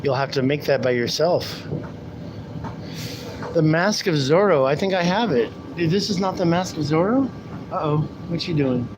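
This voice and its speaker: Riding a city bus, a man chats casually and rambles to his livestream viewers, his fairly high voice expressive and at a normal pace. He talks through a pulled-down mask into a handheld camera mic, with bus engine and traffic noise in the background.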